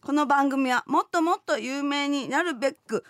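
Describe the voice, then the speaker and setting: A woman's voice: sits high, moderate pace, fairly bright tone, no room sound, clean studio sound. A woman co-hosting live radio, teasing and laid-back in her banter. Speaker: radio co-host, comedian. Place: radio studio.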